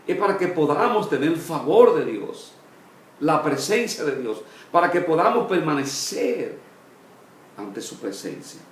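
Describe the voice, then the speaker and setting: Very animated, a man who is a pastor gives a Bible study sermon in an echoey room. His short phrases come with pauses and "eh" fillers, and each one drops away low and soft.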